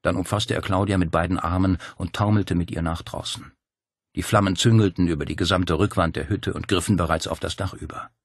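Husky low-voiced male narrator. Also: fairly even intonation, brisk, no echo, studio quality. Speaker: audiobook narrator. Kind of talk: scripted narration.

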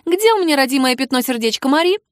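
A woman voicing a fiery noble sister, high and sharp. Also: expressive, moderate pace, dry recording, clean studio sound. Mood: suspicious. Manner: shrill, rising outbursts. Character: indignant young noble sister, quick-tempered.

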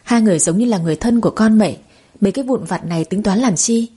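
A scheming young woman who speaks in honeyed, ingratiating tones, as a woman narrator puts her on. Her voice is soft and mellow, with a breathy edge. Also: medium pitch, fast, natural voice. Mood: sugary flattering. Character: sweet-talking scheming young woman, flatterer.

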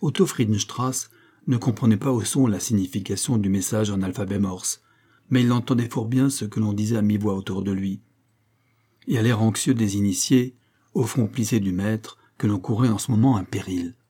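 A man reads a novel aloud in steady audiobook narration. His voice sits low and sounds dark and mellow. There is a husky edge to his tone. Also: normal speed. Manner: steady storytelling, raising voice for dialogue. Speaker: audiobook reader. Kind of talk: scripted narration.

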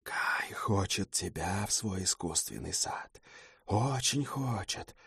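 A man's voice: mid-range voice, lively intonation, takes it slowly, dry recording, clean studio sound. A man voicing a ravenous female harpy in an audiobook, who shrieks and then hisses in a whisper. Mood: hissing whisper. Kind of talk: audiobook character voice.

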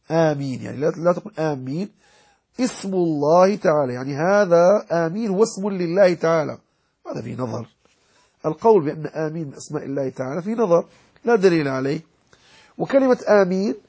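A man's voice: high voice, dark tone, breathy edge. A man as a sheikh giving a religious jurisprudence lecture, explaining and repeating points and checking that his listeners understand. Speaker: sheikh teaching Islamic jurisprudence.

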